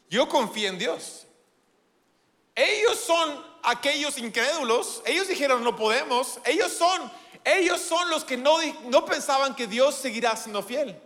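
A man preaching a sermon in an animated, playful way, with self-deprecating humor. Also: extremely high pitch, big-room sound.

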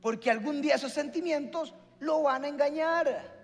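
A pastor with a high male voice preaches a sermon in a church hall at a normal pace, putting questions to the congregation. The recording carries long hall reverb and faint music.

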